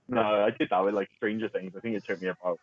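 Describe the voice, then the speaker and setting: A man's voice: lowish voice, no room sound. Sex: man. Style: rambling casual chat as a podcast co-host, laughing easily and restarting words, heard over a bad call connection. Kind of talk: casual chat among friends. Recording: tinny phone-like call audio, dry.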